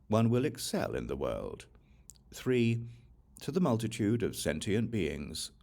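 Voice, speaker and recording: In a measured reading of scripture, a male audiobook reader with a low voice goes slowly, laying out each point with clear, deliberate pauses. His inflection stays lively, with pitch moving up and down.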